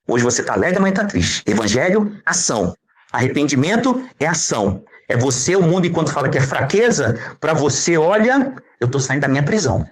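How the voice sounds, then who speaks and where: A man's voice: a little high, breathy edge. A man with a Brazilian Portuguese accent preaching a sermon, emphatic and full of rhetorical questions.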